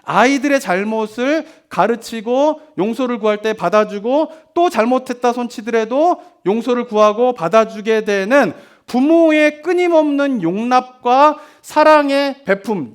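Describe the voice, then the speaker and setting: Middle-aged guy pastor, really high voice, preaching casual, lots of questions to the crowd. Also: animated, a little slow, few pauses. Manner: conversational preaching with frequent rhetorical questions; acts out parents and children in quoted lines. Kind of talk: sermon.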